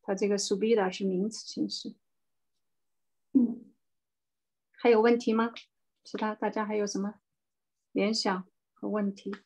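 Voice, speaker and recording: A woman's voice: medium pitch, level tone, a little slow, pauses often, darkish tone. A woman teaching a language class over a video call, patiently correcting pronunciation and explaining words step by step. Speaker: Spanish teacher.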